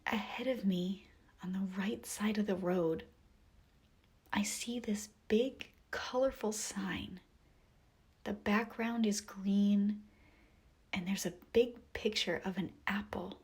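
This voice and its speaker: A woman guides listeners through a meditation visualization in a mid-range voice that's soft, breathy, and whispery. Her manner is gentle and soothing, with long pauses.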